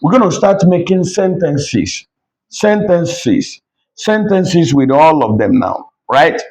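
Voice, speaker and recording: A man teaching a language lesson at a board, repeating each word slowly to drill it. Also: a little high, lively intonation, a little mellow, rough recording.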